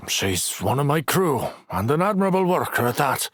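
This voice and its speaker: A man voicing a rough, scornful injured crew leader. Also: on the high side, big pitch swings, normal speed, no room sound, clean studio sound, voice pushed up. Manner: growling, scornful. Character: injured bitter male crew leader, hostile.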